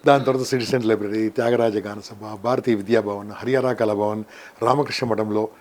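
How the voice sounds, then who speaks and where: An older man, giving an interview as a motivational speaker and telling his story in an animated way, listing things off and acting out quotes. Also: fairly low pitch, brisk. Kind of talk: casual interview talk.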